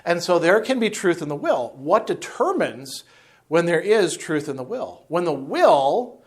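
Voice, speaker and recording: Brief: man, 50s, lively lecturer, slightly higher voice, talks with his hands, lapel mic. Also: unhurried. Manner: animated, gesturing, with asides and restarts. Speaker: philosophy lecturer. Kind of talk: unscripted lecture to camera. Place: indoor room in front of a chalkboard.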